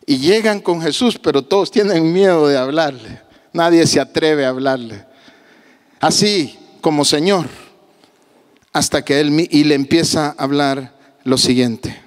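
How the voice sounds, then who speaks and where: A male pastor with a Guatemalan accent preaching a sermon emphatically, moving between low, confiding tones and raised exclamations, and acting out the voices of the people he quotes. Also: unhurried, big-room sound. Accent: Guatemalan Spanish. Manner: acts out quoted voices of the people he tells about.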